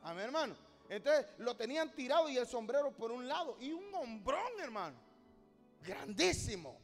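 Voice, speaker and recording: Male preacher, very high voice, storytelling sermon that swells to shouting, long church reverb, faint music. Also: big pitch swings, normal speed. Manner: storytelling, rising to loud exhortation.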